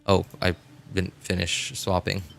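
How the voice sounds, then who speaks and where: He has a deep, creaky, slightly bright voice, delivered completely flat at a measured pace. As a game livestreamer, he chats casually while theorycrafting, thinking aloud haltingly and repeating himself often.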